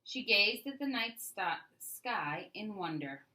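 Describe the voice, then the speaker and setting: A woman with a mid-range voice reads a children's picture book aloud like a storyteller. Her delivery is expressive and emphatic, with deliberate phrasing.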